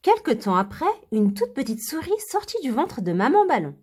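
A woman reading a children's story aloud in a gentle, animated storytelling manner. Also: high-pitched, moderate pace, breathy edge.

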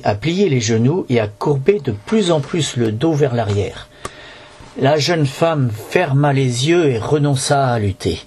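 A man's voice: medium pitch, a little mellow, husky. A man reading a storybook aloud in French, narrating with occasional slips and restarts.

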